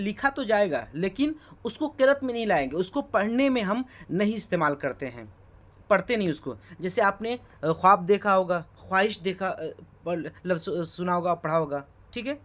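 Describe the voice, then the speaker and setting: A man's voice: sits high, lively intonation, moderate pace, fairly bright tone. A man teaching a lesson on poetry terms, who asks himself rhetorical questions, checks in with "okay" and spells words out letter by letter. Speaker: Urdu teacher. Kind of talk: exam-prep lesson explaining Urdu poetry.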